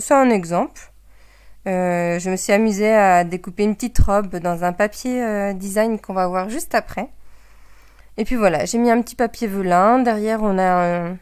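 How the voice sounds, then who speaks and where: A woman's voice: mid-range voice, darkish tone, clear, resonant tone. Chatty woman presenting craft products. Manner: hesitant, many filler sounds and restarts; chatty and friendly, addressing viewers directly.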